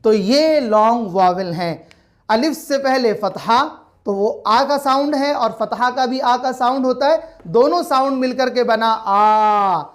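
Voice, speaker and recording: Female language teacher, slow deliberate delivery, slightly high voice, repeats and quizzes. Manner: repeats each sound and asks the class back. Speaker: Arabic teacher. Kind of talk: slow explanatory lesson.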